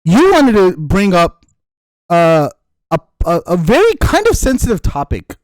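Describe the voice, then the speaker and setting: A man's voice: high-pitched, wildly swooping pitch, measured pace, dry recording. A man co-hosting a casual podcast, goofy and swearing a lot. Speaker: podcast co-host.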